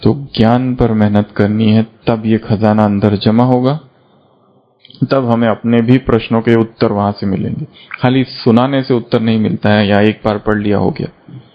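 Gravelly man giving spiritual instruction. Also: medium pitch, steady tone, moderate pace. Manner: earnest, repetitive, storytelling. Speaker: spiritual teacher. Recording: dull lo-fi recording.

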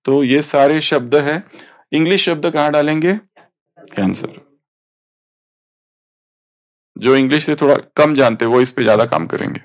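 A man's voice: fairly high pitch, measured pace, long pauses. A man teaching a spiritual study class, explaining points and prompting students to read aloud.

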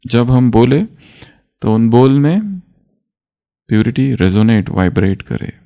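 A man giving a spiritual class in an unhurried teaching manner. He keeps putting questions to his listeners and then answering them himself, with frequent small chuckles between points. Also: medium pitch, big pitch swings, creaky, mellow, muffled recording. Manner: chuckles often while explaining.

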